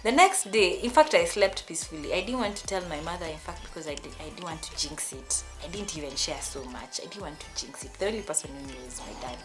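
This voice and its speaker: A young woman with a Kenyan accent tells a personal storytime vlog in a lively, emotional way, often restarting her sentences. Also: low-pitched, fast talker, few pauses, music in the background. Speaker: vlogger.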